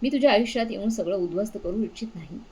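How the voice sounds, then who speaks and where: A woman's voice: medium pitch, very fast, darkish tone, a little hiss or hum, close to an everyday voice. A woman voicing a young beggar woman who is humiliated but proud, speaking in a pleading, emotional way. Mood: protesting.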